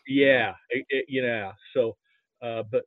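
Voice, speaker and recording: A man from Nebraska, a sports history archivist, appears as an interview guest, casually reminiscing about football. His medium-pitched voice holds a steady tone as he rambles, halts, and repeats words. The sound is narrow and telephone-like, with no echo.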